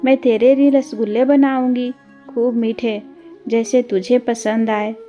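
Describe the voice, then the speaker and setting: A woman's voice: fairly high pitch, flat delivery, a little slow, faint music behind, close to an everyday voice. A woman voicing a tender elderly village mother. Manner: gentle, tender, humble.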